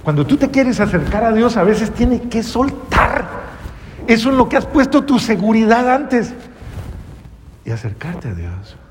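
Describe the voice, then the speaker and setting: A man's voice: very high-pitched, very animated, measured pace, in a large hall, a little hiss or hum. A man preaching a sermon, telling the story dramatically and acting out the voices in it. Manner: dramatic storytelling with acted-out quotes and big swings in loudness.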